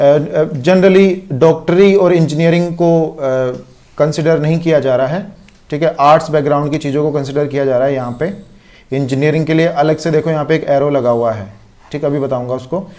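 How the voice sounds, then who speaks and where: A man's voice: fairly high pitch, darkish tone. A man with an Indian accent teaching an online exam-prep lecture, explaining step by step and checking in with constant rhetorical questions.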